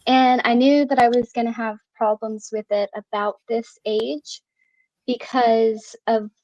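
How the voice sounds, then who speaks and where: A middle-aged woman with a somewhat high voice talks casually in an online chat. Her speech is a little slurred and whistles on the S's, and she forms words with care. The audio is close and dry but slightly dull. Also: fairly even intonation, unhurried, darkish tone, dry recording. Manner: careful articulation while relearning to talk.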